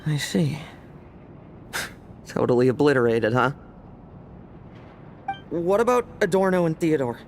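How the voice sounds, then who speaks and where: A man's voice: fairly high pitch, expressive, measured pace, pauses often, slight background noise. A man voicing a playful, cocky young knight in an anime game, with a teasing, sardonic, theatrical delivery. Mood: teasing, nonchalant. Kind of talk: anime game character voice acting.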